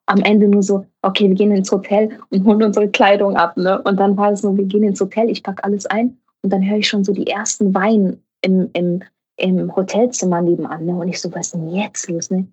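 A young adult woman, an actress, telling a lively anecdote and acting out the voices of the people in it. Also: a little fast, slightly rough, muffled recording. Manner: acts out voices of others in her story, often rising high. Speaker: actress and guest.

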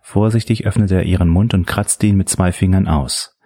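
Deep, husky male audiobook narrator. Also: no echo, studio quality. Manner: measured, steady storytelling.

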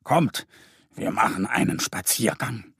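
A man's voice: lively intonation, fairly bright tone, slightly rough, no room sound, studio quality, full character voice. A man voicing a kindly old grandfather bear in a children's audio story. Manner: kindly, lower and slower.

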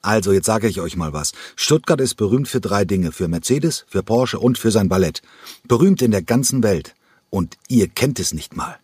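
A man's voice: mid-range voice, very animated, normal speed, breathy edge, dry recording, pitched above the performer's own voice. A man reading an audiobook and voicing a proud, hot-tempered male taverna owner who scolds rude guests. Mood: indignant. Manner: scolding, emphatic. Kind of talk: audiobook character voice.

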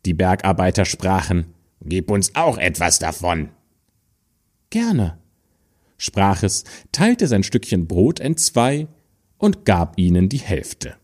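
A man reading an old fairy tale aloud in a storytelling style. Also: sits low. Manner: slow, lively storytelling, raising his voice for quoted figures.

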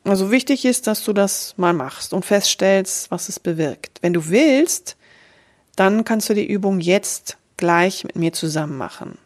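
On her podcast, a woman voice coach explains a voice exercise, speaking directly to the listener in an encouraging way. Her medium-pitched voice is animated, and her pace is measured.

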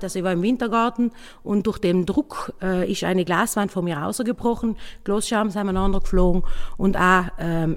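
Woman, South Tyrolean German accent, halting personal account, fillers, echoing room. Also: mid-range voice. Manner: halting, searching for words, many fillers. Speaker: innkeeper telling her story. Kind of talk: personal account, casual spoken.

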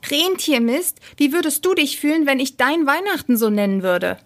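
A timid young bunny girl with a lifted, sweet voice, earnest and unsure of herself, as a woman reads her in a storybook. She speaks slowly and gently, with a bright, hopeful ring. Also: fairly high pitch, lively intonation, breathy edge, heavily acted. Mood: indignant. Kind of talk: storybook reading.

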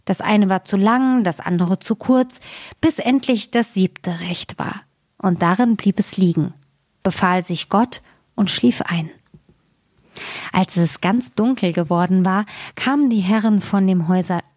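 Woman storyteller, fairy tale reading, calm and measured, mid-pitched, dry close sound. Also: dry recording.

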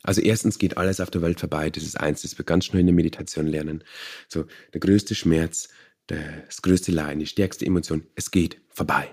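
A man, a meditation teacher and author, explaining calmly in an interview and sometimes searching for words. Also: very deep voice, brisk, husky. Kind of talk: interview conversation.

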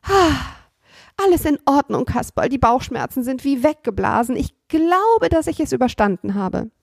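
A woman doing an eager, high-voiced young boy. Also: very animated, moderate pace, vocal fry, no echo, clean studio sound, exaggerated voice. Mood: relieved. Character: simple good-natured boy, Kasperl's friend.

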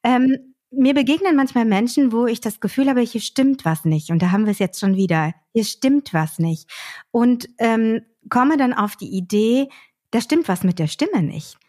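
A woman hosting a podcast conversation, speaking in a thoughtful, measured way while searching for words. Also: on the high side, animated, dark tone. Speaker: podcast host.

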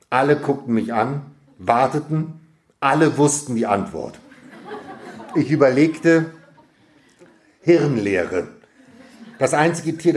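A man reading a humorous first-person story aloud, lively and amused, often laughing as he reads. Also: a little high. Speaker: reader.

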